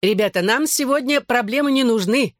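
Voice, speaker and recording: An audiobook reader voicing a harried barmaid who shouts and scolds, in a dry close recording. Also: mid-range voice, brisk, no room sound, voice pushed up, close to an everyday voice. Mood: scolding.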